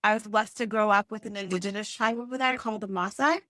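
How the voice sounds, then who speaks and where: A young woman, born in Haiti and raised in East Africa and the US, is a guest on a podcast, talking earnestly in a conversational interview with frequent "like" fillers. Her medium-pitched voice is fast, pushed, and bright, recorded with no echo.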